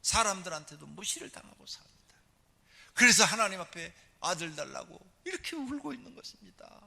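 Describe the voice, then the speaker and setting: A man acts out a desperate childless woman begging in prayer, her cries climbing high in a lively, swooping line. The voice is bright and husky and rings in a long church-hall reverb. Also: fairly quick, exaggerated voice. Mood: anguished. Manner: tearful, pleading, rising to high cries.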